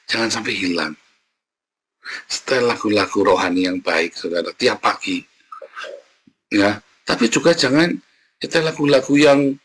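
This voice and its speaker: A man preaching a lively, animated sermon as pastor, addressing the congregation often and breaking into playful sound effects. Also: medium pitch, breathy edge. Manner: addresses the audience as "saudara" constantly.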